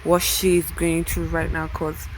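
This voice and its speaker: A woman's voice: deep voice, monotone, unhurried, background noise. A young woman casually recapping a web series episode, talking straight to the characters. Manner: chatty, emotional asides to the characters.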